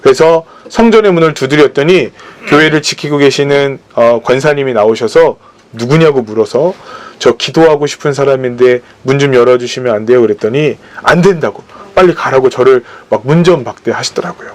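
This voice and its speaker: A man's voice: mid-range voice, a little fast. A man preaching a sermon at a church service, telling personal stories and acting out the voices of the people in them. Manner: storytelling, acting out quoted voices. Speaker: pastor.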